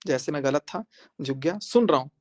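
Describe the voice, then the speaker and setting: A man's voice: a little high, lively intonation, a little fast, darkish tone. A man speaking on a live stream to his viewers, emphatic and confrontational, repeating his points for force. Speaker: social media creator.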